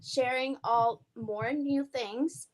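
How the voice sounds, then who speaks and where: A woman's voice: high voice, takes it slowly, low-quality recording. Upbeat, chatty woman interview guest. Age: young adult. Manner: excited, upbeat, talkative. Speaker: guest, award winner. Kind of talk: casual interview chat.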